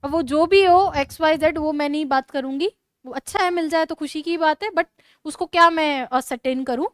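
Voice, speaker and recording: A woman teacher with a Rajasthani Hindi accent, giving a classroom lecture in a brisk, scolding way and urging students to write fast. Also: sits high, no echo.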